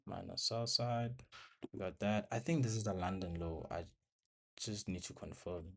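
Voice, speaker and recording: Young male trading vlogger, low voice, short choppy live commentary, slightly winded. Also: normal speed, darkish tone. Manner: talks to viewers while watching the screen, in short broken phrases. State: out of breath. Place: bedroom at home.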